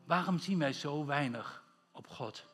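A man's voice: on the high side, expressive, measured pace, a bit bright, slightly rough, in a large hall, faint music behind. A man preaching a sermon as pastor, emphatic, drawing out words for stress and asking rhetorical questions.

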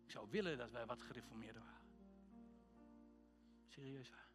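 A man preaching a sermon and praying, fervent and building to loud calls. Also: medium pitch, moderate pace, soft background music. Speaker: pastor. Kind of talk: sermon with prayer.

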